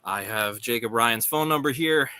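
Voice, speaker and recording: A man speaking as a wrestling champion in an in-character interview, earnest and deliberate with halting phrases. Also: medium pitch, sharp tone, smooth, no room sound. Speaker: wrestling champion, panel guest.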